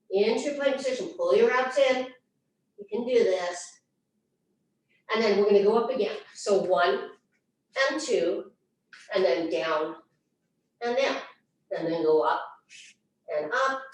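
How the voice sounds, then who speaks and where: A woman's voice: mid-range voice, a little mellow, recorded from a distance. Woman counting Pilates reps in an echoey room. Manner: encouraging, casual, counts reps aloud. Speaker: Pilates instructor. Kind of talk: guided workout instruction.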